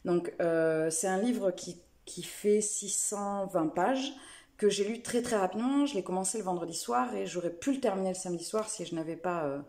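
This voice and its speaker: Mellow-voiced woman chatting about books. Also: medium pitch, normal speed. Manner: chatty, hesitant with many fillers. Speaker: book and knitting vlogger. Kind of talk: casual book review chat.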